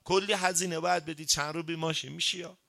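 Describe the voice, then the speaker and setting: A man preaching to an audience with a bright, forceful voice. He keeps the talk lively, throws questions at his listeners and waits for answers. He slows down to recite Arabic sayings and then explains them. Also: on the high side, vocal fry. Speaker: cleric giving a religious talk. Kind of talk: sermon.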